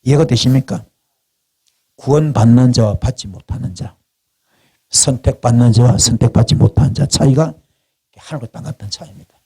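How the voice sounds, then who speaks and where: A husky-voiced man preaches a fervent sermon, neither high nor low in pitch. He hammers phrases again and again in chant-like runs and climbs to sharp, emphatic peaks. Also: moderate pace, pauses often. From South Korea. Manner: fervent, repeats chant-like calls, rises to sharp climaxes. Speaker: pastor. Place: prayer house.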